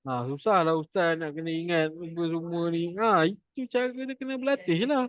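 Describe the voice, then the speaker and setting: A man with a Malaysian Malay accent teaching Quran recitation online, demonstrating sounds slowly and repeating them for students. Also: on the high side, clear, resonant tone, no echo, lo-fi sound. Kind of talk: online class instruction.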